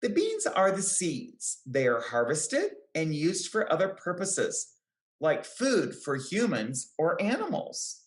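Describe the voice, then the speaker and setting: Her low voice echoing around a roomy space, a woman who works as an extension educator reads a picture book to children. She speaks in a careful, deliberate way, with lively pitch movement suited to young listeners and short asides explaining things.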